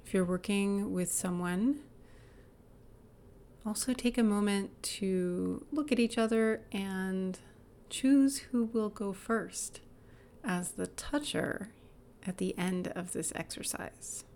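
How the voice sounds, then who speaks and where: Female instructor, unhurried and calm, slightly raspy fry, soft guided-meditation delivery. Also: medium pitch. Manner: calm, gentle, inviting, drifts into soft whispers. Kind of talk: slow guided body-awareness meditation.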